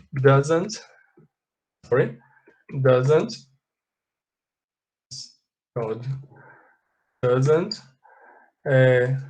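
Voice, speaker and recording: A Brazilian man teaching English, explaining step by step and slowing down to stress English example sentences. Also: a little high. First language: Portuguese. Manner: explains step by step, checks in with "ok?" and "tá bom?". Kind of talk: classroom lesson with slides, switching between Portuguese and English.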